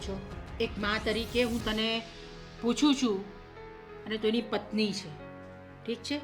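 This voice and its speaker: An actress voicing a middle-aged mother-in-law who keeps pressing and listing grievances. Her voice sits a little high and firm. A soft score plays under the scene of this family drama. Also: steady tone, unhurried, close to an everyday voice. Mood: stern. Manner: accusing, insistent, lists sums and grievances. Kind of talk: short-film drama acting. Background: soft background music.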